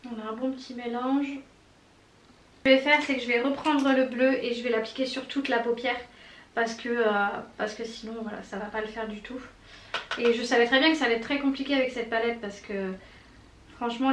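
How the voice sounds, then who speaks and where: Chatty woman, roomy distant sound. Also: on the high side. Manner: chatty, enthusiastic, many fillers and little exclamations. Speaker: beauty vlogger. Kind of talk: casual makeup tutorial commentary. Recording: roomy echo, mic at a distance, faint noise.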